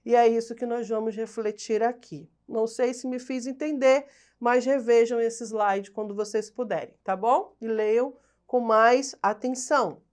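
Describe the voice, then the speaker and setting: Slow-speaking, high-voiced woman teacher. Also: steady tone, darkish tone. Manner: explanatory, asks rhetorical questions and answers them, frequent "tá?" check-ins; restarts and corrects herself over hard words. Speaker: Portuguese language teacher. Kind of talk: recorded online class lecture.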